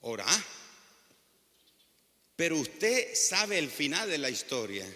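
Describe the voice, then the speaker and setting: Middle-aged male pastor, fervent sermon, slightly high, very bright tone, echoing church hall. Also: big pitch swings, measured pace. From Nicaragua. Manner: impassioned preaching with stories. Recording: long reverb of a church hall.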